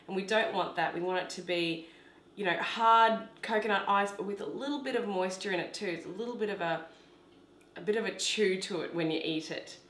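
A woman's voice: mid-range voice, fairly bright tone, reverberant. A woman, hosting a cooking demonstration in her home kitchen and explaining each step in a chatty, instructive way. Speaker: cooking show host.

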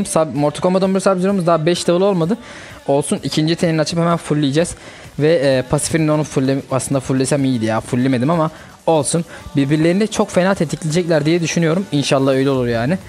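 A young man hosting a gaming channel, chatting casually and reacting excitedly to a mobile fighting game as he plays. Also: a little high, quick pace.

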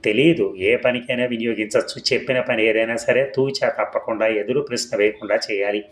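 A man's voice: lowish voice, steady tone, a little fast, lightly acted. A man reading a curt, mysterious boss. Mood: commanding. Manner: curt, commanding. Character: mysterious commanding male crime boss. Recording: echoey room.

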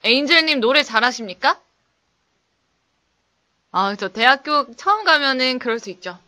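A young woman hosts a casual live-stream English lesson, chatting with viewers and breaking into playful skits. Her voice sits fairly high and bright, swooping through a wide, animated range. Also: normal speed. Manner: playful, laughing, acts out little skits in exaggerated high voices.

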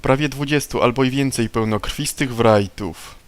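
A man's voice: mid-range voice, moderate pace, natural voice. A man reading the lines of a wry, streetwise male informant from a video game, in his plain voice. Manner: reads game dialogue aloud plainly. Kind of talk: reading game dialogue aloud.

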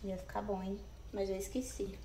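A medium-pitched voice with completely flat delivery and a moderate pace belongs to a young Brazilian woman cooking in a small home kitchen and chatting casually to camera, with frequent "né, gente?" check-ins. The counter camera, partly hand-held over the stove, picks up echo off the tiles and faint background noise.

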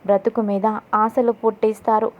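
A woman's voice: on the high side, little pitch movement, moderate pace, phone-quality sound, natural voice. A woman narrator voicing a young woman who defends her sister, speaking indignantly and pleadingly.

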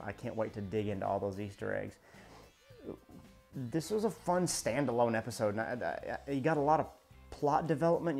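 A man in his thirties talks through a show breakdown in a relaxed, rambling way, full of fillers and restarts. His voice has a gravelly, fried edge at a middling pitch. Faint music sits under his voice. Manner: chatty, many "uh" and restarts, gestures a lot. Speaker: show reviewer. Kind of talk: casual video breakdown. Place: indoor home studio in front of a backdrop.

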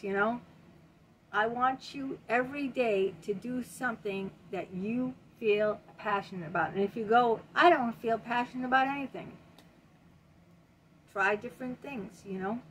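A woman's voice: a little high, fairly bright tone, slight background noise. A woman in her late fifties giving an emphatic motivational talk to camera at home, repeating key words and peppering her talk with "you know.". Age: 50s. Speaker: self-help video host. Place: home room lined with bookshelves, indoors. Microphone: webcam at desk, close.

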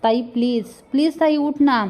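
A woman plays a sorry younger sister, begging her elder sister to wake. The voice is raised and soft-toned. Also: sits high, measured pace, voice pushed up. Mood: pleading. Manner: tearful pleading.

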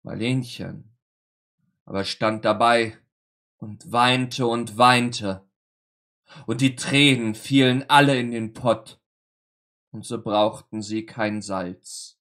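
A male storyteller reading a grim fairy tale at a very slow, deliberate pace. His voice sits in a middle register, and he lingers on words with dramatic pauses. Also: medium pitch, steady tone, fairly bright tone.

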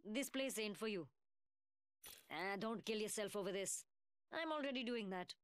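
For a video game, an actress gives lightly acted voice lines as a cocky, mocking young woman gunsmith. Her mid-range voice is smooth and animated at a moderate pace, and her British working-class London accent carries slangy, sarcastic taunts.

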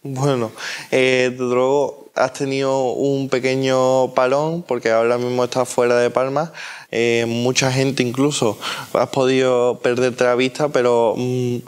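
A young man conducts an interview with a very clear, smooth voice. His pitch stays quite flat, and he builds long questions with hesitant, wordy phrasing. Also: unhurried. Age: young adult. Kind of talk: on-camera interview. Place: inside an ornate church.

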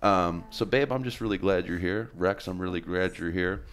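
A man with an extremely deep voice hosts a casual podcast interview. He talks in an earnest, affectionate way, full of ums and uhs. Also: normal speed, a bit bright. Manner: earnest and affectionate, with frequent fillers. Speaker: podcast host.

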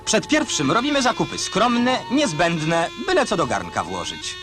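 A man narrates an old-style newsreel in a high, sweeping voice that rises and falls a great deal. His commentary is dry and ironic. Loud music runs beneath every line. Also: huge pitch swings, moderate pace. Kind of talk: 1960s newsreel voice-over.

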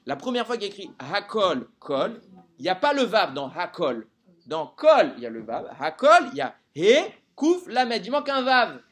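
Male Torah teacher addressing a live group, somewhat high-pitched, very expressive delivery, constantly quizzing his listeners. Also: normal speed. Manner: animated, quizzes listeners with rhetorical questions.

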